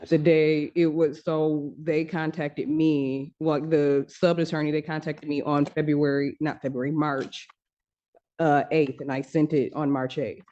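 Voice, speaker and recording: A woman attorney responds to a judge, heard through a courtroom recording. Her voice is flat and mellow as she speaks hesitantly, filling gaps with "like". The audio sounds muffled. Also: deep voice, unhurried. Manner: hesitant, uses fillers like "like".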